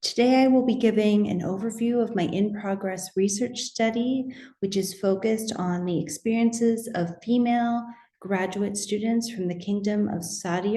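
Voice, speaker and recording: Measured woman presenting in a roomy space. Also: mid-range voice, warm tone. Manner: measured, methodical, occasional fillers and restarts. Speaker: academic researcher presenting at a symposium. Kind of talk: conference presentation. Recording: roomy echo.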